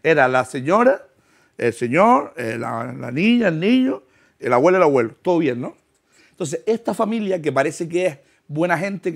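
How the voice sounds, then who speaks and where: A young man tells a comic story, acting out voices and laughing as he goes. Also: a little high. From Canary Islands. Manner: animated, acts out voices, laughs through lines. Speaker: comedian.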